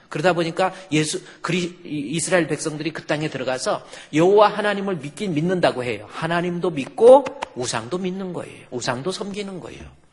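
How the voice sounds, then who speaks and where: A man's voice: on the high side, slightly rough. A middle-aged male pastor giving an emphatic sermon and acting out churchgoers' stubborn replies. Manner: emphatic preaching, acts out churchgoers' retorts. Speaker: senior pastor. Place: church sanctuary. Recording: long echo in a church hall.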